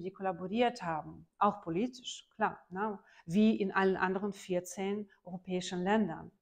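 A woman in her thirties from Ukraine, speaking with a Ukrainian accent and giving a history talk in a small room, hesitant, with many filler sounds and restarts. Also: mid-range voice. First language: Ukrainian and Russian. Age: 30s. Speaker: lecturer. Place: small indoor lecture room. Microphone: far camera.

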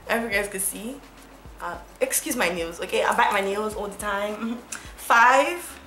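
This makeup tutorial features a young Nigerian vlogger chatting, laughing and teasing herself as she works. Her mid-range voice is bright and forceful, and she talks a little slowly. Faint music sits under a roomy echo.

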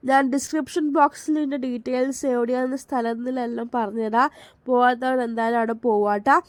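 A woman's voice: on the high side, fairly even intonation, a little fast, no echo. A Malayali woman from Kerala narrating her family outing in a chatty, enthusiastic voice-over, with frequent restarts. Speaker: family vlogger.

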